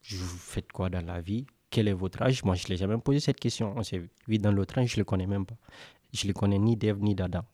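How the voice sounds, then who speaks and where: A man's voice: lowish voice, brisk, warm tone, no room sound, clean studio sound. A young man from West Africa telling a personal story in a casual, conversational way, acting out the dialogue.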